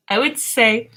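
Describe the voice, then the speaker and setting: Her voice is fairly high, pushed and bright, with slight roughness. She's a livestream host in her twenties chatting casually with chat readers on a morning stream from her small home bedroom, laughing often and drifting off with fillers as a desk webcam frames her.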